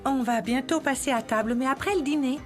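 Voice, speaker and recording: An independent mother and estranged wife played by an actress in a dubbed TV drama. She speaks firmly in a high voice over soft background music. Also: brisk, natural voice. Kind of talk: dubbed television drama acting.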